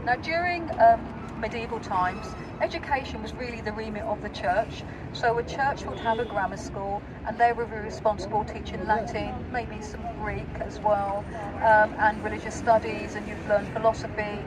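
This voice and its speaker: A woman's voice: medium pitch, fairly even intonation, moderate pace. A middle-aged woman giving an explanatory guided-tour talk in an informal, teacher-like manner. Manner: teacher-like, informal, prompting listeners with questions. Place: outdoors on a busy city high street. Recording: loud street traffic noise. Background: passing vehicles, city street ambience.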